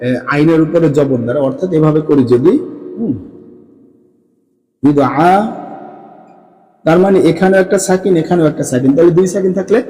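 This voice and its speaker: A man's voice: a little high, moderate pace, long pauses, warm tone, in a large hall, low-quality recording. A man with a Bangladeshi Bengali accent teaching a grammar lesson, often checking in with his students and repeating forms as he counts through them. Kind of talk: classroom lesson explaining grammar.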